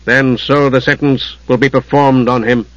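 A cold, unrelenting lord , as a male narrator plays him, pronounces judgment in a formal, measured voice. The recording is dull and dry. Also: medium pitch, steady tone, a bit bright, no echo, natural voice.

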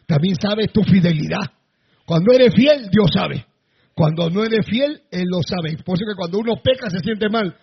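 A male pastor preaching a sermon to a congregation, with sudden shouted bursts. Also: high-pitched, expressive, moderate pace, lo-fi sound, a little hiss or hum. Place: church before a congregation.

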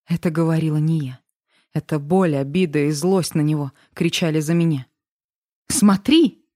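A woman's voice: low-pitched, steady tone, a little fast, warm tone, no echo, studio quality. A woman narrating a first-person romance audiobook with an emotional, dramatic reading.

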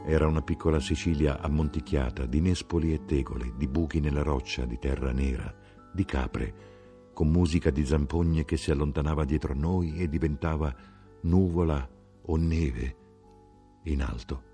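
A man giving a measured, expressive literary reading of a novel. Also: very deep voice, soft background music. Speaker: audiobook reader. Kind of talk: scripted literary narration.

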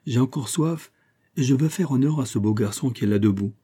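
A man reading aloud, voicing a boisterous, swaggering noble duke who swears hearty oaths and talks loudly. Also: medium pitch, a little fast, breathy edge, voice pushed up, natural voice. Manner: blustering, oath-swearing, loud and hearty.

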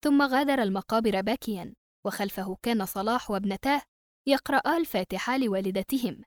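A woman audiobook narrator reads scripted narration quickly in a voice on the high side. The studio sound is clean, with no room sound.

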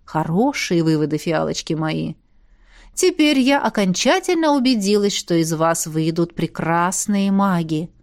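A woman voicing a stern, dry-witted female demoness who heads a magic academy, speaking slowly and reproachfully. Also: medium pitch, lightly acted. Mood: warm.

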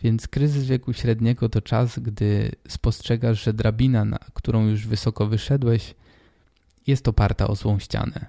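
Male podcast host, twenties; hoarse with a blocked, stuffy nose, very dark and mellow tone, informal solo monologue. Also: lowish voice, steady tone, a little slow, no room sound, clean studio sound. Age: 20s. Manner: informal, addressing the listener directly.

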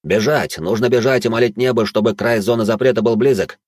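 A man's voice: fairly quick, a little mellow, no room sound, clean studio sound, close to an everyday voice. A man voicing a cowardly male lord in an audiobook who pleads and shrieks in panic. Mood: pleading. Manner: shrill, pleading, hysterical.

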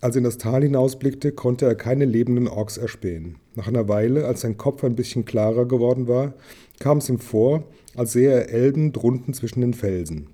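Man reading a story in a dark voice. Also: medium pitch, moderate pace. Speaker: audiobook reader. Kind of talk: reading a novel aloud.

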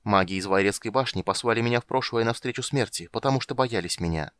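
A man voicing a proud, bitter young woman priestess in an audiobook, lifting his voice higher and speaking firmly. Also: quick pace, a bit bright, clean tone, no echo, natural voice. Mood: bitter, challenging. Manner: raised pitch, firm and reproachful.

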